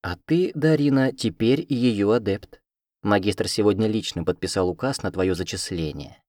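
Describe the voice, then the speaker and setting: A man voicing a huge two-tailed male cat spirit who guards a magic academy, speaking calmly and matter-of-factly. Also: fairly low pitch, normal speed, no echo, clean studio sound, natural voice.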